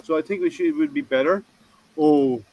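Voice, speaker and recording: A man's voice: a little high, fairly quick, lo-fi sound, a little hiss or hum. A male livestream host with a voice sitting a little above the usual male range. He chats casually and rambles, often stopping and restarting his sentences as he greets viewers. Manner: chatty, rambling with frequent restarts.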